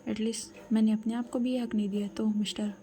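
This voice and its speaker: A protective young woman lays down the law in a firm, half-whispered voice, as a woman storyteller puts her on. Her tone stays mellow and low in brightness. She is read as a storybook character. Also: flat delivery, normal speed, natural voice.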